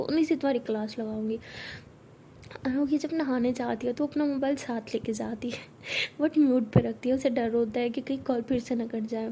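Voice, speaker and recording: A woman's voice: fairly high pitch, dark tone, slight background noise. A young woman telling a love story in a casual, chatty way, full of filler words. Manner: chatty, uses many fillers.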